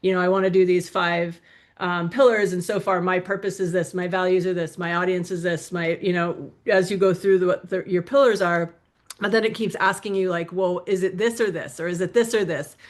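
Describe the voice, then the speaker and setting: A woman's voice: lowish voice, steady tone, brisk. A woman speaking as a guest in a casual interview, chatty and full of little fillers.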